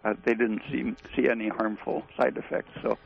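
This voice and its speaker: Creaky-voiced man on a tinny phone line. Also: medium pitch, flat delivery. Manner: halting, frequent "uh" pauses. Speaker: guest expert on a call-in radio show. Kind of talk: call-in radio discussion.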